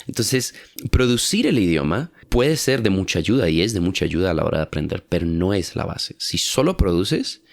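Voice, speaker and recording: A man's voice: deep voice, very animated, normal speed, gravelly, dry recording, clean studio sound. A young Colombian man explaining casually in a rambling, self-correcting monologue with frequent tag questions. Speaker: language-learning YouTuber.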